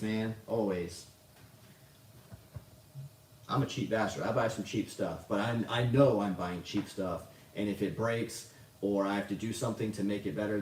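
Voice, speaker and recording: A man's voice: fairly low pitch, darkish tone. A man hosting a casual livestream, answering chat questions in a rambling, profane, self-mocking way. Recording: roomy, distant mic, faint noise.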